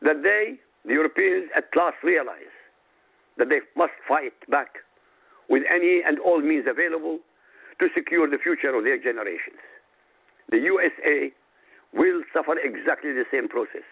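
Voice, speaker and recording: A man from Iraq whose first language is Arabic reads a prepared statement as a radio guest, delivering it emphatically and declamatorily and listing items slowly. His high-leaning voice is husky with vocal fry, recorded on a phone with a tinny line sound.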